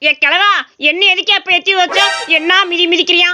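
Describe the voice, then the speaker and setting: A woman's voice: extremely high pitch, steady tone, brisk, sharp tone, exaggerated voice. A woman voicing a cheeky, bossy young village man in a cartoon. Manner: bossy, mocking. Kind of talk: cartoon voice acting.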